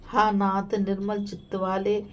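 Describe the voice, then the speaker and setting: A woman's voice: medium pitch, completely flat delivery, measured pace, muffled recording, a little hiss or hum, lightly acted. A woman voicing a frightened, devoted young queen who pleads and laments as she calls for her missing husband. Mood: lamenting.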